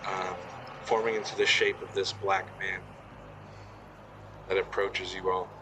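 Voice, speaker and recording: A man's voice: low voice, level tone, measured pace. A man narrating a tabletop game casually as game master. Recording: noisy, crickets chirping behind.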